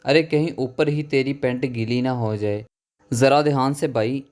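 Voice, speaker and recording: A man plays a prankster young lad in a spoken horror story, teasing and joking with his friends. His pitch stays at a plain middle level. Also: steady tone, darkish tone, close to an everyday voice. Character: prankster young male friend who teases.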